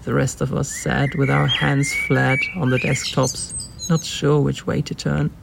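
A man reading literary fiction aloud in a deadpan, even way. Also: medium pitch, unhurried, gravelly. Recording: noisy recording with birdsong behind. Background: birds chirping.

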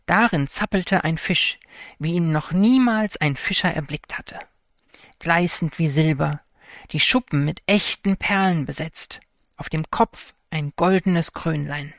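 Slow, gravelly fairy-tale narrator, a man. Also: fairly high pitch, a bit bright, no room sound, clean studio sound.

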